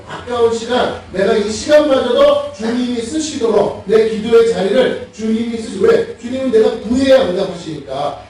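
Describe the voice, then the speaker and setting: A man preaching a sermon as pastor, asking the congregation questions and laughing as he acts things out. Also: sits high. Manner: animated, asks the congregation questions, laughs while mimicking. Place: church sanctuary. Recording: echoey church hall, mic far off.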